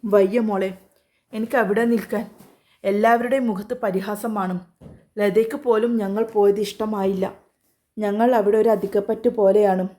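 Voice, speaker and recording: A woman's voice: medium pitch, fairly even intonation, moderate pace, dark tone, natural voice. A woman voicing a grieving middle-aged mother. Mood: sorrowful.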